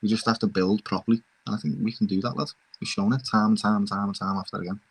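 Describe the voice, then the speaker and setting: A man's voice: lowish voice, fast, creaky, slightly rough. A young man with a Liverpool accent, passionately arguing in a casual football debate and calling everyone "lad". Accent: Liverpool (Scouse). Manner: passionate, repeatedly says "lad", animated. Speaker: Liverpool fan panelist on football podcast.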